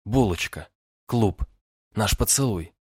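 A man's voice: on the low side, animated, slow, darkish tone, breathy edge, dry recording, clean studio sound. Cocky, teasing male audiobook narrator. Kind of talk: first-person audiobook narration.

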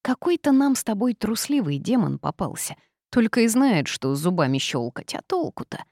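A woman's voice: mid-range voice, sing-song, moderate pace, a little mellow, no room sound, clean studio sound, pitched above the performer's own voice. A woman voicing a cheeky, grumbling female toad familiar in a storybook reading, speaking in an indignant, complaining way.

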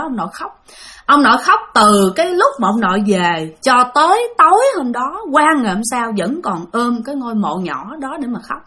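A woman with a Southern Vietnamese accent tells a spooky story in a chatty, direct way, often turning to her listeners. Her voice sits high and swings widely in pitch. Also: fairly bright tone. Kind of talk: spoken ghost-story narration.

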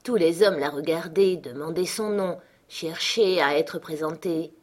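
Woman reading a classic tale, low voice. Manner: expressive, measured. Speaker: narrator. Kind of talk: reading a classic short story aloud.

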